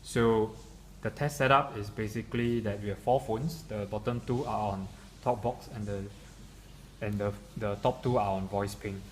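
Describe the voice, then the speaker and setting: This software demonstrator has a fairly low, darkish voice. His unscripted product demo comes out hesitant and halting, and the room he's recorded in is clearly noisy.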